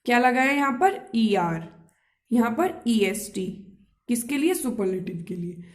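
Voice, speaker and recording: A woman teaching a grammar lesson, explaining step by step, asking herself rhetorical questions and checking with her listeners whether it is clear. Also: on the high side, very animated, unhurried, reverberant.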